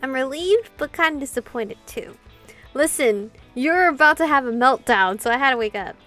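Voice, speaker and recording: With game music behind her, a young adult woman who makes gaming content reads a visual novel's narration and dialogue aloud expressively, reacting with casual giggles. Her voice sits high and is expressive and fairly bright, at a moderate pace.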